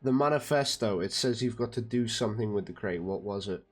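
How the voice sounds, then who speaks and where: A man's voice: on the low side, fairly quick, slightly rough, faint music behind. A man playing a blunt adventurer who coldly interrogates a prisoner in a tabletop game. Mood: threatening. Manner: blunt, threatening.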